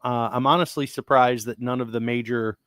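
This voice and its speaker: A man co-hosting a podcast, chatting casually and rambling with frequent restarts as he talks excitedly about sci-fi technology. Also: medium pitch, a little fast, no echo. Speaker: podcast co-host. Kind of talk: casual chat.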